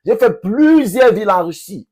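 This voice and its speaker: A man from Cameroon with a Cameroonian French accent, talking casually to his subscribers in an emphatic, repetitive, halting way. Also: high-pitched, lively intonation, a little mellow, breathy edge. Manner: emphatic, repeats phrases, halting with restarts. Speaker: vlogger, language teacher.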